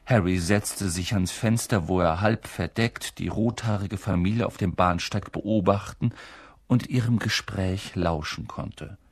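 Ein Mann, der ein Hörbuch langsam und sehr ausdrucksvoll vorliest. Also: male voice, low-pitched, husky, no room sound. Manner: slow, very expressive reading. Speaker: audiobook reader. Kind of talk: scripted narration.

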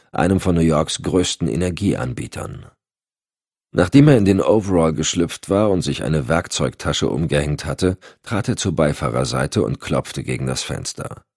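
A man narrating an audiobook thriller in a steady, measured way. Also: very deep voice, creaky, slightly rough, dry recording, clean studio sound. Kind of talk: scripted narration.

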